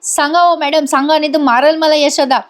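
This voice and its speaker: A jokey, eager young husband from a village drama, pitched noticeably higher than her own voice, as a woman reading the episode puts him on. He pleads and teases in a light, raised voice. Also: fairly even intonation, a little fast, close to an everyday voice. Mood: playful pleading.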